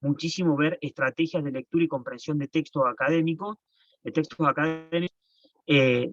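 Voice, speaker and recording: A man's voice: fairly high pitch, no room sound. Man, teacher, online class, restarts phrases, dull lo-fi mic. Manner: explanatory, repeats and restarts phrases. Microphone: computer mic on a video call. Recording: dull, dry lo-fi call audio.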